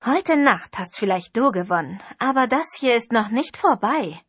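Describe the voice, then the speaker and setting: A woman's voice: fairly high pitch, animated, moderate pace, a bit bright, husky, no room sound, full character voice. Woman doing a cold, taunting young rival.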